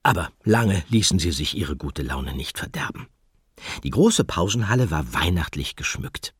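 Husky, lively-voiced male storyteller. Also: sits low, moderate pace, dry recording, studio quality. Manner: expressive storytelling. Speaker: narrator. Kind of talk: children's audiobook narration.

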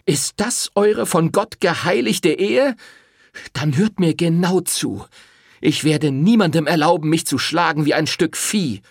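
Guy doing a fierce young woman, voice pushed way up high, shouty, husky, dry close mic. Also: unhurried, dry recording, exaggerated voice. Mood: accusing. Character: furious defiant young woman, a shepherdess. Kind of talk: audiobook character voice.

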